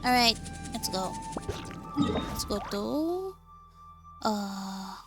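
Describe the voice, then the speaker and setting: A woman streamer plays a game and offers casual, informal commentary, mostly talking to herself. She speaks very slowly at a medium pitch with big pitch swings, and game music plays in the background.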